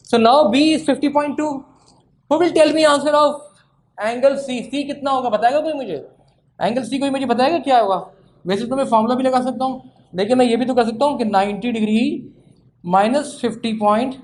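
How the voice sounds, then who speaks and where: A man giving a classroom maths lecture, often asking the students questions and slowing down to spell out formulas. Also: very high voice, a little mellow, slight background noise, poor audio. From Pakistan. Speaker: maths teacher.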